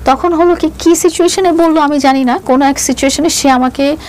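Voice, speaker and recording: A fairly quick, high, slightly mellow voice belongs to a middle-aged woman with a Bangladeshi accent. As an interview guest she tells her own story, dropping in English phrases and often restarting mid-thought when she hesitates, against noticeable background noise.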